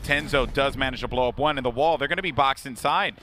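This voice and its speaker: A man's voice: mid-range voice, quick pace, pushed and bright, slight background noise. A man delivering play-by-play commentary as an esports caster.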